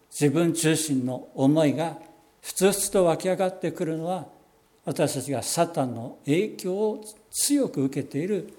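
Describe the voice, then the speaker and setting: A pastor giving a sermon, explaining scripture in a measured way and slowing down on key phrases. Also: male voice, a little high, mellow. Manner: measured, explanatory preaching with slowed emphatic phrases.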